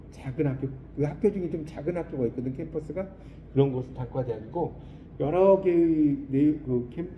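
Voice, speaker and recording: A man teaching an English lesson to students, explaining in Korean, reading English lines slowly and often checking that they follow. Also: fairly high pitch, warm tone, a little hiss or hum. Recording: echoey room, dull muffled sound.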